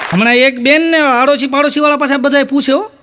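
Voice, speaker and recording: A man with a Kathiawadi Gujarati accent telling stand-up jokes on stage as a folk comedian. He strings together quick anecdotes, tags quotes with repeated markers and keeps coming back to a catchphrase. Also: extremely high pitch, fairly even intonation, over a noisy crowd, heavy background noise.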